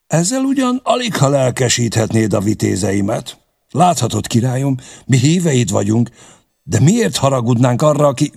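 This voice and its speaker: A man voicing a sly, jovial middle-aged warlord, gravelly and husky, teasing and wry in an audiobook reading. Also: fairly low pitch, very animated, voice pushed up, exaggerated voice.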